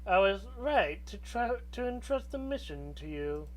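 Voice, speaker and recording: A woman acts out a wise old crone from a video game. She speaks in an old hag manner, slow and halting, as an elder who knows more than she tells. Her pitch moves around a great deal. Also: big pitch swings, low-quality recording. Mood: grave, knowing. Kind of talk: video game dialogue read aloud.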